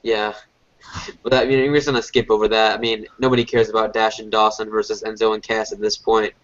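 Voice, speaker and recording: A man co-hosts a casual wrestling review podcast, his voice on the low side, level in tone, fairly bright, and a little fast. He sounds congested, as if slightly sick, and rambles with plenty of fillers and restarts. The podcast audio is dull and lo-fi.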